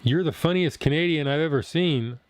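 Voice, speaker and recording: A man in his sixties from Southern Ohio chats loosely with viewers on his food channel's live stream, reading their comments aloud and responding as he rambles. His voice is a little high, at normal speed, with no room sound.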